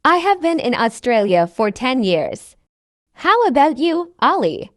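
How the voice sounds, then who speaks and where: A friendly woman learner in a scripted practice dialogue, read by a woman. Her voice is high and lilting, with a wide swing in pitch. She speaks very slowly and shapes each word with care. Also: very animated, no echo, clean studio sound. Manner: slow, carefully enunciated, each line said twice. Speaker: dialogue reader.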